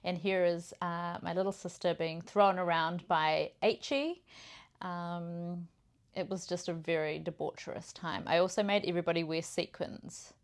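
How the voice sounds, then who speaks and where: A woman's voice: lowish voice, normal speed. A woman, hosting a podcast and chatting cheekily through party photos. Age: 30s. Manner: cheeky, loud, laughing. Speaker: podcast host. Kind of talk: casual chat showing photos.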